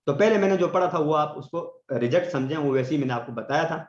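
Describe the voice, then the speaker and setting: A man teaching a tajweed lesson, explaining patiently and slowing down to recite verses as examples. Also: fairly high pitch, lively intonation. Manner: explains patiently, often checks with "theek hai?". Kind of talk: online tajweed lesson in Urdu. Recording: roomy, dull lo-fi sound.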